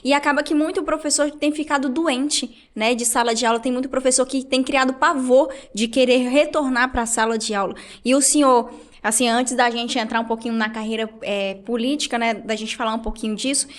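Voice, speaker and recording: A woman with a high voice hosts a casual interview, asking long, winding questions in a conversational tone. She often jumps in to finish the guest's sentences. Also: fairly even intonation, fairly quick. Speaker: interview host.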